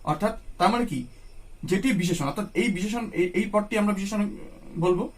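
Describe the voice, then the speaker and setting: A man's voice: high-pitched, moderate pace. A man with a Bengali accent teaching a grammar lesson, who repeats each point patiently and asks questions before answering them himself. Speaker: Sanskrit teacher.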